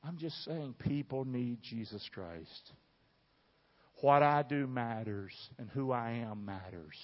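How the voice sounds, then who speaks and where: Taking it slowly in a mid-range voice, a man from the southern United States preaches a sermon with a Southern American accent. His style is emphatic and folksy, and he puts questions to the congregation. The audio carries the dull reverberation of a large church room.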